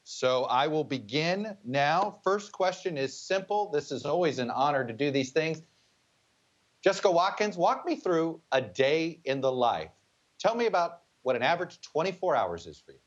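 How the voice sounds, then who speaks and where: A man's voice: fairly high pitch, sing-song, normal speed. A man interviewing as a news program host in a conversational, direct way. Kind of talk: broadcast interview questioning. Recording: slightly muffled link audio.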